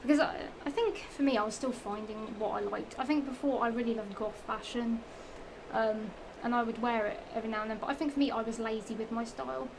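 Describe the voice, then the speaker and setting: This is a young English vlogger with a Norfolk accent, chatting about shoes in a casual product show-and-tell. She talks fast in a slightly high, steady voice that sounds a little strained from the heat. Giggly and rambling, she repeats herself and fills her speech with fillers and restarts, all in a noisy home recording.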